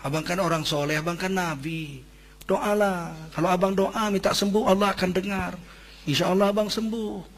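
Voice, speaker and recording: A man's voice: sits high, fairly even intonation, normal speed. A male preacher voicing a worried, devoted wife who coaxes her sick husband to pray. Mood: pleading.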